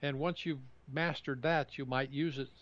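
A man co-hosting a casual tech chat who speaks haltingly and often restarts his sentences. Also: mid-range voice, steady tone, a bit bright. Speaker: tech podcast co-host. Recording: dull, slightly muffled dry sound.

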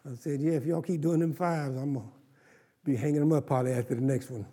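A man's voice: mid-range voice, fairly even intonation, fast, warm tone, breathy edge, long reverb tail. An older man, a pastor preaching a sermon with call-and-response to his congregation.

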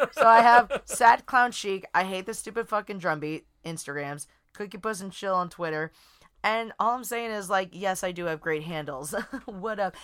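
Bawdy, rambling woman with a lowish voice. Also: fairly bright tone, clean tone. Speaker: podcast guest. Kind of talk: casual comedic chat.

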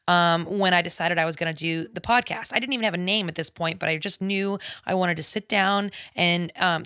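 Tired, slightly raspy woman hosting a podcast. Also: medium pitch, pushed and bright, no echo, studio quality. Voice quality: slight smoker's rasp. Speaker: podcast host. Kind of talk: casual podcast introduction and interview chat.

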